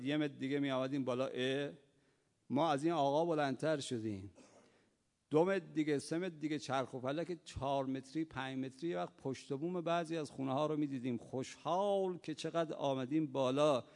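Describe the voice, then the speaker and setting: A man preaching a sermon, telling stories and moving from soft speech to loud emphatic cries, in a reverberant hall. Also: medium pitch. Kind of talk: sermon with storytelling.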